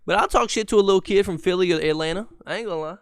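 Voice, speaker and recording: A man in his twenties hosting a casual sports podcast, telling a story with profanity and loud shouted reenactments. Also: sits high, racing, clear, resonant tone, no echo, clean studio sound. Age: 20s. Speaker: podcast host.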